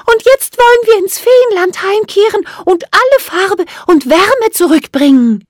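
A woman's voice: very high-pitched, lively intonation, unhurried, no room sound, clean studio sound, voice pushed up. A woman voicing a small, brave fairy girl who stands up defiantly for her sisters.

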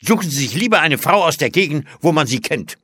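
A man voicing a strict, indignant elderly aunt who scolds in a shrill, raised voice. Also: sing-song, fairly quick, pushed and bright, slightly rough, no room sound, clean studio sound, full character voice.

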